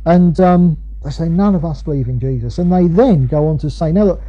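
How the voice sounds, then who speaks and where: A male preacher with an Essex accent explains scripture conversationally and with emphasis. His voice sits fairly high for a man yet is very mellow and rounded. He repeats himself to press a point and voices the arguments he quotes, on a somewhat dull, lo-fi recording. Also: brisk. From Essex, England. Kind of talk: conversational expository sermon.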